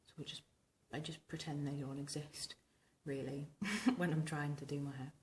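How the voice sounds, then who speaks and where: In a darkish, husky, rumbling voice made smoky and hoarse by tonsillitis, a woman in her thirties walks viewers through a vintage hairstyling tutorial. Her tone stays steady and her pace moderate as she chats ramblingly. The bedroom recording is reverberant with a little hiss or hum.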